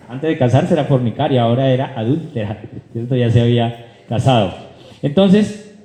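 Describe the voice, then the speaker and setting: A male pastor, preaching a lively sermon, calling out loudly and then dropping to low asides, and putting rhetorical questions to his congregation. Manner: animated preaching, swings from loud high calls to low asides; addresses the congregation directly, asks rhetorical questions. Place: church hall. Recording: echoey church hall.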